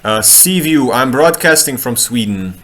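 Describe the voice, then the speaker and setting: A Croatian man, a human design reader and street artist, talks live and casually from a home room in Sweden, rambling loosely about human design, often restarting words and tossing in playful asides. His mid-range voice is animated, unhurried, bright and forceful.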